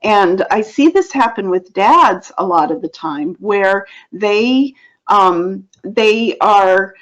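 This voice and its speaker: A woman's voice: mid-range voice, expressive, slow pace, low-quality recording. Chatty woman giving parenting advice. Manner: conversational, with many fillers and asides. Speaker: child psychologist.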